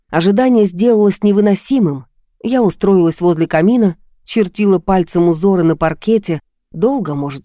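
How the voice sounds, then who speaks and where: Woman narrator, first-person audiobook, mellow and close, dry booth sound. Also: fairly low pitch, no room sound. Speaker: audiobook reader.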